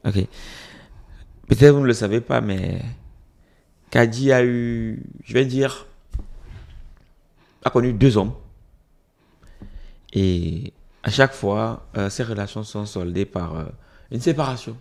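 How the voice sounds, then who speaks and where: A man hosting an interview in a casual, lively way, joking and often repeating the guest's words back. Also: medium pitch, slow pace, vocal fry, long pauses. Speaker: interview host.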